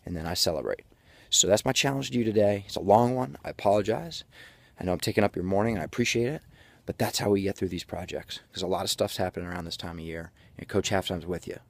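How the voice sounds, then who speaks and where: Low-pitched man giving a breathless pep speech. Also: quick pace, vocal fry, no room sound. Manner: breathless from exertion while walking; folksy, jokey self-narration in the third person. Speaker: motivational coach. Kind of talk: halftime pep speech to camera.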